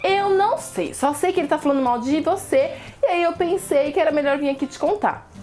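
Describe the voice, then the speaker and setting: A woman's voice: sits high, a little fast, a little mellow, faint music behind, natural voice. A woman voicing a scheming, gossipy little male fish in a children's story, with a sly, whiny manner.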